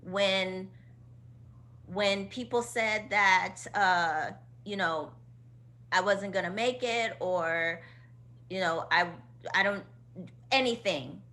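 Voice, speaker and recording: Woman, Queens accent, bright and punchy tone, heartfelt interview guest in relaxed conversation. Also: mid-range voice, slow, long pauses. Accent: Queens, New York. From Queens, New York, United States. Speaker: guest, choreographer and company founder. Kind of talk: casual interview talk.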